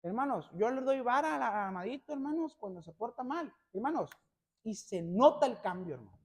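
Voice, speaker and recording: Man, pastor, sermon, rising to loud emphasis, keeps addressing the brethren. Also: very high-pitched, expressive, brisk. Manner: peppers every phrase with "hermanos"; preaching that swells to loud emphatic passages.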